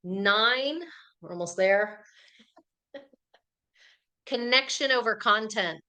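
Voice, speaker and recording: A woman presenting a speaking workshop on a video call, lively and laughing between points. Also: mid-range voice, extremely slow, rough recording. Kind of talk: live online workshop talk.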